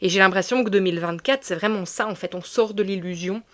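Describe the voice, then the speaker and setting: Soft-spoken woman giving a tarot reading. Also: medium pitch, fast. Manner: soft-spoken, dropping to murmurs and whispers, bursts of excitement. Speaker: tarot card reader and medium. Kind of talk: casual spiritual card reading.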